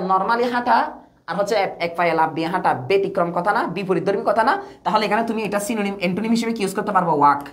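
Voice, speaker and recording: A woman teacher giving a classroom lecture, repeating key words and asking and then answering her own questions. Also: medium pitch. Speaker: English teacher.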